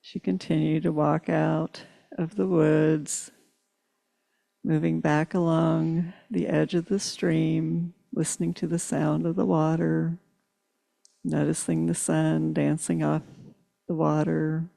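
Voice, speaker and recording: A woman leads a guided meditation in long, soothing phrases. She speaks very slowly, with a strongly gravelly voice. Her tone is dark and mellow. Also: deep voice, little pitch movement. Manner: slow, soothing, drawn-out phrases. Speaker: meditation leader.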